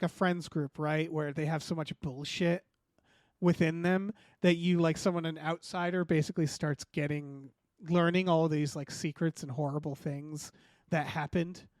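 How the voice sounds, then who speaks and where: High-voiced man chatting casually on a podcast. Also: no echo. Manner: rambling, frequent "like", profane. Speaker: podcast host. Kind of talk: casual film podcast chat.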